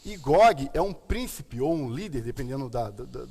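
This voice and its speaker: A man's voice: mid-range voice, expressive, moderate pace, dark tone, slightly rough. A Brazilian man with a lisp and slushy s sounds, teaching the Bible informally as a pastor hosting a live stream. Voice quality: lisp from a tied tongue, slushy s. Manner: explanatory, repeatedly checking with "né". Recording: long hall-like reverb.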